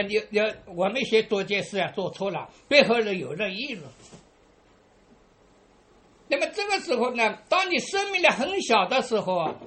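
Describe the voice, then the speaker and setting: A woman delivers a sermon to her congregation in a medium-pitched, slightly bright voice. She fills gaps with long, stretched-out "ah" sounds and poses rhetorical questions to her listeners.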